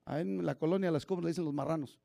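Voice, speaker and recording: A man, preaching a sermon as pastor, swinging from shouted preaching to low confiding asides. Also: quick pace, vocal fry, no echo.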